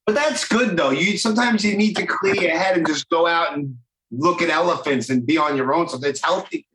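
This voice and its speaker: A man's voice: on the high side, fairly quick, roomy sound, background noise. A man with a Brooklyn accent hosting a podcast interview, chatty and enthusiastic in casual talk. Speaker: podcast host.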